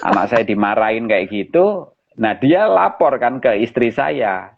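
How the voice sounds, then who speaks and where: Pastor, male, mid-pitched, lively storyteller; dull lo-fi stream sound. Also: a little slow, vocal fry, husky. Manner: animated storyteller, addresses listeners as brothers and sisters. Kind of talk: personal storytelling in a live interview. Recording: dull lo-fi live-stream audio.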